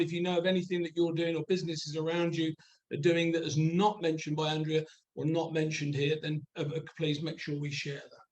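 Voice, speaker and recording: A man who works as a performance coach and trainer, talking informally in a webinar. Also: a little high.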